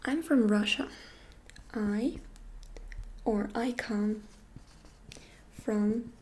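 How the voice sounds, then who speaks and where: A woman whispers through an ASMR language lesson, her voice slightly high yet mellow. She moves very slowly and gently, repeating each phrase again and again. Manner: gentle, soft-spoken. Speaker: ASMR creator teaching phrases.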